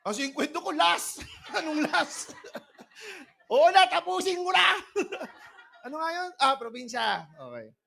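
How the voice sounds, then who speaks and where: Guy from pangasinan doing a jokey sales pitch, high voice that jumps all over, keeps ribbing the crowd. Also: sing-song, a little slow, gravelly, pushed and bright. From Pangasinan, Philippines. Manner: joking, teasing the audience. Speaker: presenter at a business opportunity seminar. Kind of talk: comedic motivational sales talk. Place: in front of a live audience.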